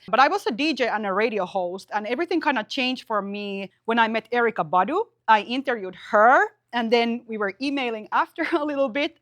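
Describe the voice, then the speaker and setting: A woman's voice: fairly high pitch, a bit bright. A young woman from Finland, talking casually in an interview as a musician, full of slang and "like". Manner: slangy, filler-heavy, uses "like" constantly. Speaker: musician guest.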